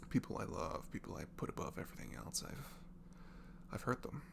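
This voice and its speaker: A young amateur performer plays a comforting friend, softly leaving a tender, reassuring ASMR-style message he improvises as he goes. His low, sing-song voice moves briskly, murmuring and often drifting into a breathy whisper. The home recording is clearly noisy, with a hum.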